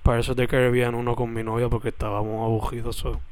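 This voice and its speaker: A man's voice: mid-range voice, flat delivery, fast talker, a little mellow, no echo. A man co-hosting a podcast, chatting easily and slipping in English words. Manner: easygoing, mixes in English words. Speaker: podcast co-host. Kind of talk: casual chat.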